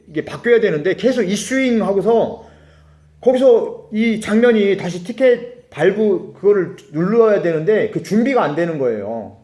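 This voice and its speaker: A middle-aged pastor from Korea preaching a sermon. His voice sits high and swings widely in pitch. He slips into acted-out dialogue and laughs as he tells a story. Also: roomy sound. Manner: animated, laughing asides.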